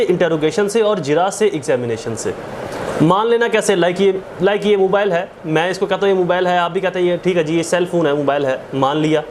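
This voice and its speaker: Teaching law in Urdu sprinkled with English legal terms, a Pakistani-accented man explains by enumerating points and going back over key phrases. He has a high voice, with slight hiss or hum on the recording.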